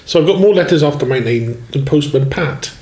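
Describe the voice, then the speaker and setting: A man in his sixties from Swansea, a musician telling his life story in a relaxed, rambling way and often saying "you know". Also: a little high, fairly quick. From Swansea, Wales. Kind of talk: relaxed autobiographical chat. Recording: echoey room.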